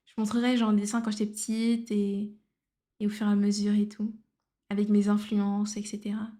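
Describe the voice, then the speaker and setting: A woman's voice: medium pitch, completely flat delivery, normal speed, mellow. A woman streamer chatting casually while she draws, slipping English phrases into her talk and muttering to herself as she works. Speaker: art livestreamer. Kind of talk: casual livestream chat while drawing.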